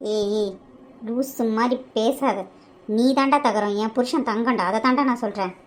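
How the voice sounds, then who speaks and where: A woman's voice: on the high side, normal speed, lightly acted. A woman voicing a married young woman in a cartoon who scolds and pleads with an exasperated edge. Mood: angry. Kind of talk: cartoon voice acting.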